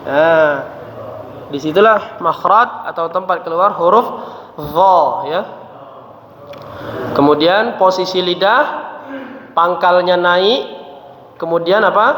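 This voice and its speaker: A man's voice: high voice, takes it slowly, long pauses, fairly bright tone, a little hiss or hum. A man teaching Quran recitation, patiently drilling letter sounds and often ending phrases with a short tag. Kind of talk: tajwid lesson with letter drills. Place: mosque hall. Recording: echoey hall with faint ambience.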